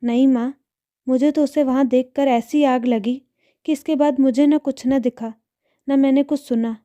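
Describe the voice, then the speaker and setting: A woman's voice: high voice, fairly even intonation, measured pace, dark tone, dry recording. A woman voicing a kind, composed woman in her thirties in a read-aloud story. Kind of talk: storybook narration.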